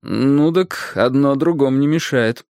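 A man's voice: mid-range voice, expressive, normal speed, no room sound, lightly acted. A man reading a story aloud and voicing a friendly grown-up scientist who talks with wry, slightly formal humor. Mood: conciliatory.

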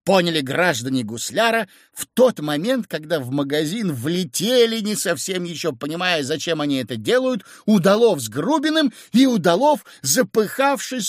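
Lively, high-voiced male storyteller. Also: dry recording, studio quality. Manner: lively, expressive reading. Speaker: narrator. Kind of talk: audiobook storytelling.

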